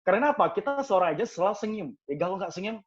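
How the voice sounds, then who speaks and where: A man giving a lively sales training talk to insurance agents, repeating words for emphasis and addressing his listeners as friends. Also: high-pitched, very fast, dull audio.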